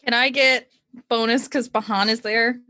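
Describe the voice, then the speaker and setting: A woman's voice: on the high side, fairly even intonation, moderate pace, pushed and bright, no echo, clean studio sound. A woman chatting casually as a player at a tabletop game.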